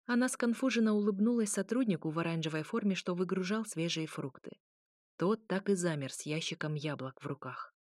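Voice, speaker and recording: Casting: woman audiobook narrator, even storytelling read, dry close recording. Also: fairly low pitch, fairly quick, no echo. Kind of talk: scripted narration.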